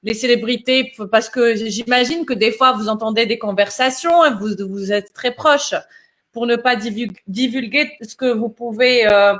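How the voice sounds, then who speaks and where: Woman host, high voice, polite formal questions. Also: normal speed, a bit bright. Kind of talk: live interview questions.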